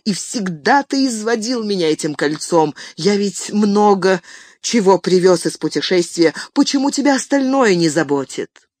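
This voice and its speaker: A reader doing Bilbo, a shrill old hobbit. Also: animated, normal speed, darkish tone, no room sound, clean studio sound, lightly acted. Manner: stammering, turns shrill and grasping. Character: old male hobbit, fretful and possessive. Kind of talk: audiobook reading.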